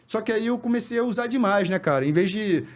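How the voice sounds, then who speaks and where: A man, talking in a casual interview about his past, in a rapid, halting way with lots of repeated words. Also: high-pitched, animated. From born in New York, raised in Brazil. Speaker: podcast guest, actor.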